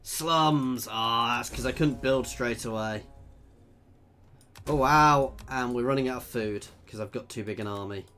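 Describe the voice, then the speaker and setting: A man with a mid-range voice speaks at a measured pace, his tone bright and forceful, over soft background music. He's a gameplay video creator playing a strategy game, chatting casually, thinking aloud and reading out messages from his viewers' chat.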